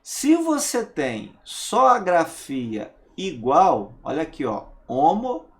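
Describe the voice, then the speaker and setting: Slow, lively male teacher. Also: a little high. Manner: asks rhetorical questions and checks understanding with "tá?"; emphatic, stresses single words. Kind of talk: recorded grammar lesson.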